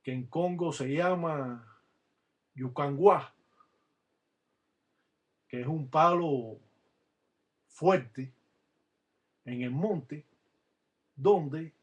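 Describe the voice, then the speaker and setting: A Palo religious teacher speaks to his webcam, giving spiritual instruction directly to viewers. His voice is a bit high, and he is sometimes scornful of other teachers.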